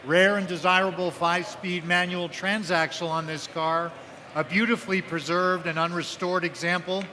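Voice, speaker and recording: A man's voice: on the high side, sharp tone. A man presenting auction lots live as a specialist, in polished, descriptive sales patter. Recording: echoey noisy hall, amplified live event.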